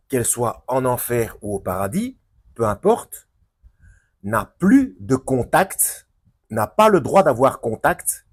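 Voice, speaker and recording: A man with a husky, slightly rough voice gives an improvised Bible lesson to his viewers. He hesitates often, restarts phrases and fills gaps, then lifts his voice sharply to drive a point home. His pitch swings widely as he talks. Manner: hesitant, many fillers and restarts, emphatic rises. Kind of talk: unscripted Bible teaching to camera.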